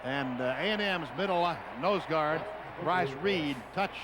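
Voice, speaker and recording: An American man calls live football play-by-play on the radio from an outdoor stadium, in short, clipped phrases. His voice is fairly high and unhurried, and the broadcast is noisy.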